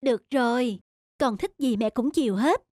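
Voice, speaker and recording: A performer voicing a strict, quick-tempered young stepmother in a children's cartoon, with a sharp, scolding way of talking. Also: mid-range voice, dry recording, clean studio sound, lightly acted. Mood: doting.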